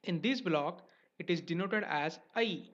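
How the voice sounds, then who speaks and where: Man slowly spelling out letter sounds. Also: high voice, fairly bright tone. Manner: slow, careful spelling out of letter sounds, stressing each example syllable. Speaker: language teacher. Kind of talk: explanatory lesson narration. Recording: dull lo-fi recording.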